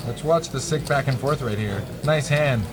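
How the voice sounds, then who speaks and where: A man's voice: mid-range voice, normal speed. A man giving casual, slangy, teasing banter as a poker stream co-commentator. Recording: loud background ambient noise.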